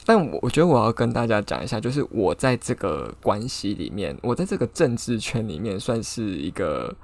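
Gravelly, lively man. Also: fairly low pitch, a little fast. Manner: animated storytelling, frequent laughter. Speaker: podcast co-host. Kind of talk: casual chat.

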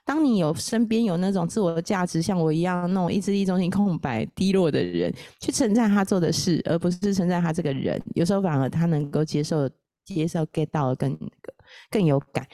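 A woman's voice: on the low side, animated, a little fast, dark tone, no room sound, clean studio sound. Giggly self-deprecating woman host. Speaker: podcast host, astrologer. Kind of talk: casual podcast chat.

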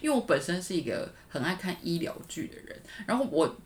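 Woman, 30s, podcast co-host; fast, lively storyteller. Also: lowish voice. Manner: animated storytelling with frequent laughter. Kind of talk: casual chat.

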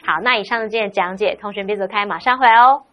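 A woman's voice: mid-range voice, rapid-fire, lo-fi sound. A woman explaining a lesson as a teacher, mixing English vocabulary into Mandarin.

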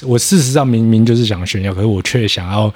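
A man with a Taiwanese accent talks in a candid, casual way. His voice is a little low and husky, and the words come quickly. He is self-reflective and keeps checking that he is being understood. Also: a little mellow. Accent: Taiwanese Mandarin. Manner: self-reflective, often checks the listener follows.

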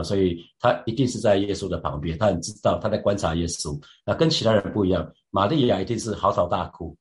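A man giving a devotional Bible teaching as a church leader, reflective and unhurried, often turning to his listeners with rhetorical questions and soft fillers. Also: on the low side.

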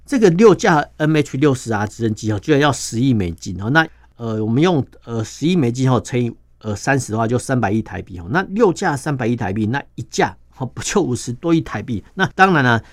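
A man's voice: mid-range voice, fairly quick, no echo. A male defense journalist with a Taiwanese Mandarin accent, explaining patiently as an interview guest and peppering his sentences with little filler particles. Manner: steady, explaining step by step.

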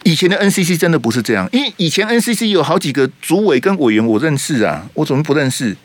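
A man's voice: fairly high pitch, big pitch swings, quick pace. A man with a Taiwanese Mandarin accent hosting a political talk radio show, heated and emphatic, firing rhetorical questions at his listeners.

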